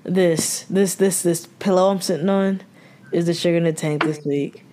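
A young woman from the American South with a Southern accent, co-hosting a casual podcast from home, talking frankly with cursing and quick restarts. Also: lowish voice, fairly even intonation, dark tone. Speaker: podcast co-host. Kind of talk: casual chat. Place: home room, remote recording.

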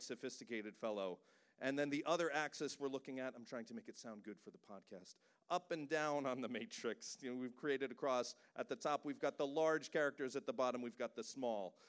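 A man's voice: mid-range voice, clear, resonant tone. A man who works as a voice director, giving an enthusiastic, joking pop-culture talk to a live audience. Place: cinema, live event.

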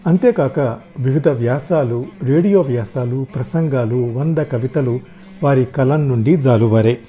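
A man reading a short story aloud, calm and measured, with an introduction about the author. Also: medium pitch, soft background music.

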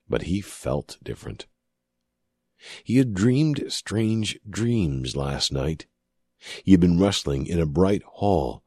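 Reading dramatic fiction aloud, a male audiobook narrator uses an extremely deep voice with a husky grain and a darkish tone. He delivers lines in a measured, deliberate way, recorded dry and close.

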